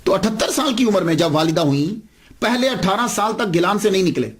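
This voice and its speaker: High-voiced male preacher telling a story. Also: animated, brisk. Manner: emphatic, with rhetorical questions and pitch swings. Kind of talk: sermon storytelling.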